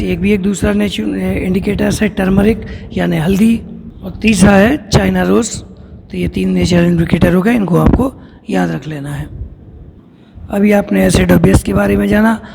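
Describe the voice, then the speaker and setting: A man teaching a school science lesson, explaining step by step and reading lines slowly. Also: high-pitched, darkish tone. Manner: explains step by step, reads English lines slowly, then restates them. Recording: echoey room with clear noise.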